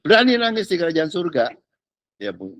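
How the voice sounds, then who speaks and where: A man's voice: on the high side, big pitch swings, brisk, a bit bright, dry recording. A male pastor preaching casually, with slang and rhetorical questions, slipping in English phrases. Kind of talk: sermon.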